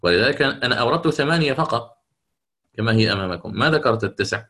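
Male recitation teacher, measured classroom delivery, repeats points for emphasis, mid pitch. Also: animated, bright, forceful tone. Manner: deliberate, repeats key points. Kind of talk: classroom lecture.

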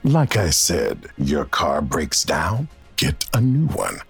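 Casting: a vengeful machine overlord in audio drama, bottomless rasping voice, grandiose villain monologues with wild swoops. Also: male voice, a bass voice, wildly swooping pitch, takes it slowly, faint music behind, full character voice. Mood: menacing, gloating. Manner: grandiose, menacing pronouncements. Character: vengeful male rogue AI villain, menacing, boastful, contemptuous.

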